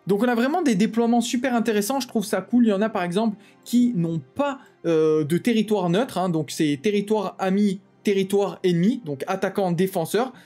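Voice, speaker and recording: A man hosting a tabletop game channel, explaining rules in a quick, casual way with lots of fillers and restarts. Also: sits high, mellow. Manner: talks fast, with many "euh" fillers and restarts.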